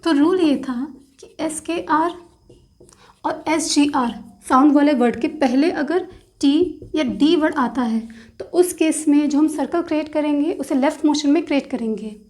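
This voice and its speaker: A woman with a high voice teaches a shorthand lesson. She talks through each rule and slows right down to spell out the example words letter by letter. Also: a little mellow. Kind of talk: explaining lesson.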